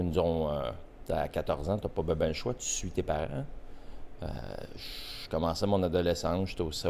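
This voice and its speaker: A Québécois man in his forties talks as a guest on a casual podcast. His voice sits very low, and he pauses often and searches for words. Faint noise runs underneath. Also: mellow. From Quebec. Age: 40s. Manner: hesitant, halting with frequent fillers. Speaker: podcast guest, host's father. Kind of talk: casual interview.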